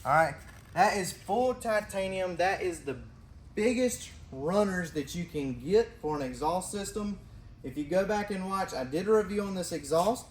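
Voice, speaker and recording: A man casually showing off a custom motorcycle, talking fast and animated to his viewers, hyping each part and calling himself by a nickname in the third person. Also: high-pitched, a little hiss or hum. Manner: fast, animated, hypes parts and talks to viewers. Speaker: motorcycle builder and channel host. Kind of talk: casual walkaround show-and-tell.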